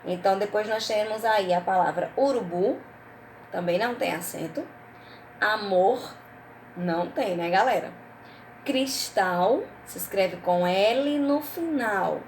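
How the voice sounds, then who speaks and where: A woman teaches young children from an echoey room, with a faint hum behind her. She calls herself by name in the third person. She says each example word slowly and with strong stress. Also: medium pitch, a little mellow. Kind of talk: remote lesson for young children.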